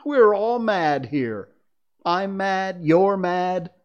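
A man voicing a sly, grinning male cat who teases and talks in riddles, drawing his words out with high swoops. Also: lively intonation, extremely slow, highs cut off, full character voice. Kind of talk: storybook reading.

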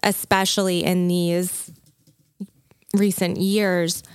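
A woman's voice: on the low side, little pitch movement, takes it slowly, clean tone, no room sound, studio quality. A woman co-hosting a podcast, talking thoughtfully and asking curious questions. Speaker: podcast co-host. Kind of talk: casual chat.

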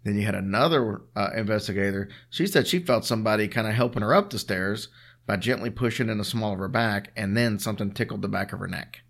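A man's voice: on the low side, quick pace, creaky, a bit bright. A man co-hosting a show, telling stories in a casual, chatty way with a dry, teasing manner. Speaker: podcast co-host telling ghost stories. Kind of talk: casual storytelling chat.

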